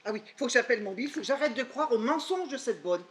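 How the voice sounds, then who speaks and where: A woman playing an excitable young daughter in a stage farce, high-voiced and gushing. She exclaims and frets in big theatrical bursts. The sound is echoey, from a hall with faint hiss behind. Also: fast talker, close to an everyday voice. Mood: overwrought. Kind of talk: amateur stage comedy. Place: theatre stage before an audience.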